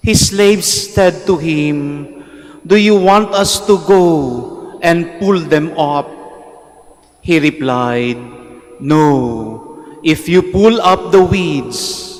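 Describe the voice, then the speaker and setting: A man, a priest slowly and carefully reading the Gospel and preaching at Mass, his voice echoing through a large church. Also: a little high. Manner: slow, measured liturgical delivery. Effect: cathedral echo. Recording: long church reverb.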